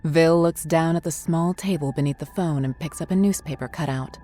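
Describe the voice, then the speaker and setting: Narrator: woman, low voice, steady storyteller for a horror short, faint score underneath. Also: soft background music. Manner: measured, descriptive storytelling.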